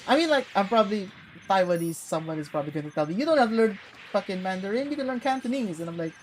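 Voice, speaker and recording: This recording is low quality, with a little hiss or hum. In a lowish voice, a young woman from the Philippines whose first language is English streams gameplay, rambling casually with fillers and some swearing.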